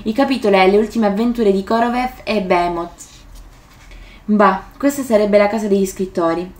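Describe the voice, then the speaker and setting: A woman's voice: medium pitch, fairly even intonation, normal speed, darkish tone. A woman reading passages from a novel aloud and commenting on them casually, with hesitations and self-corrections. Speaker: book vlogger. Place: room indoors. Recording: roomy echo.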